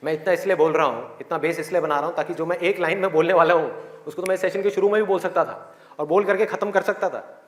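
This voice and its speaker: A man's voice: fairly high pitch, quick pace. A man giving a motivational session to a live audience in a hall, full of rhetorical questions and acted-out voices. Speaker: motivational speaker. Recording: echoey hall with faint crowd.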